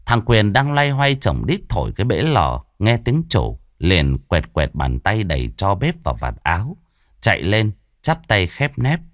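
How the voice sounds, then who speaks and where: Man, ghost story narration, lively intonation, dry recording. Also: on the low side, unhurried, no room sound.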